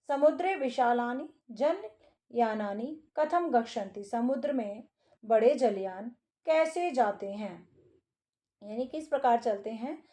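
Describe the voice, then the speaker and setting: A woman teacher walks through a Sanskrit exam paper, reading each line aloud and then explaining it. Her voice sits fairly high, with a mellow, soft tone and nothing sharp in it. She talks as a patient instructor. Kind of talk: exam paper walkthrough lesson.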